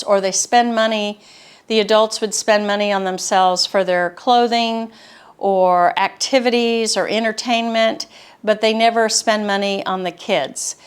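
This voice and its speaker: Smooth-voiced woman therapist explaining calmly. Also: medium pitch, unhurried. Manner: calm, explanatory, steady. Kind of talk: educational talk to camera.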